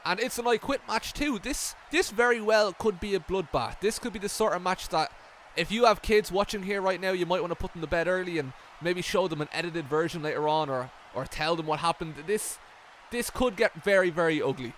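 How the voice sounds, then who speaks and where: A man doing mock wrestling commentary, hyped and stammering, with deadpan jokes. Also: high voice, fairly quick, slight background noise.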